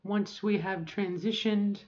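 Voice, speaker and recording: Woman, 40s, casual vlog advice, self-correcting and rambling, mid pitch, slightly muffled recording. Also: steady tone, takes it slowly, darkish tone. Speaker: vlogger.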